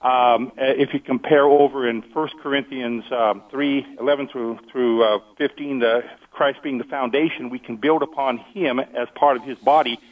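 A man's voice: medium pitch, fairly even intonation, normal speed, hardly any pauses. A man calling in to a radio show over the phone, speaking hesitantly with many ums and restarts. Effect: phone-line caller on a radio show. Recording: tinny distant phone line.

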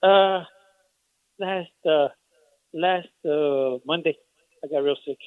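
A sick man in his forties speaks over a tinny, narrow phone line with a slightly raised pitch. His talk is halting and hesitant, broken by pauses, and the line sounds dry and close. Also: clean tone, no echo. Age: 40s. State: sick with pneumonia, in hospital. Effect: heard over a phone line. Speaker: caller. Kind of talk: call-in chat.

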